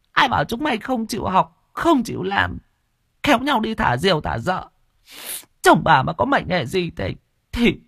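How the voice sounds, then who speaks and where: A man's voice: high-pitched, creaky, a bit bright, breathy edge, no echo, clean studio sound, pitched above the performer's own voice, heavily acted. A man voicing a frantic young village wife who wails and curses in tears, in an audiobook story. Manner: shrieking, tearful, cursing.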